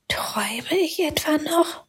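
A shy little kindergarten girl from a bedtime story, voiced by a woman narrator. She speaks quietly and hesitantly, pitched higher than the reader's own voice. Her tone is soft and a little breathy. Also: steady tone, takes it slowly. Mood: shy, hopeful.

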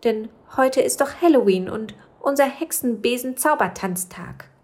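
A woman voicing a small, excited young witch girl who talks in a bright, eager, quick way. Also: fairly high pitch, pitched above the performer's own voice. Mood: upset.

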